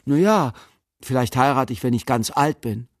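A man's voice: medium pitch, lively intonation, moderate pace, no room sound, studio quality, close to an everyday voice. A man voicing a curious, cheerful eight-year-old boy in an audiobook, talking eagerly and chattily. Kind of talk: audiobook character voice.

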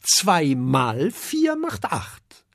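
Reader doing a cheery little fire dragon, eager n helpful, lively up n down. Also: medium pitch, extremely slow, vocal fry, no room sound, studio quality, exaggerated voice. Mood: friendly. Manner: bright, eager, encouraging.

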